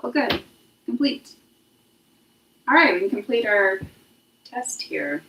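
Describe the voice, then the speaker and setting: A woman's voice: medium pitch, animated, takes it slowly, slight background noise. Chatty woman vlogging in her kitchen. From United States. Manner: chatty, self-deprecating, breaks into soft whispers for mic tests. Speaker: vlogger livestreaming. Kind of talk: casual livestream chat. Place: home kitchen, indoors. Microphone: phone with clip-on mic.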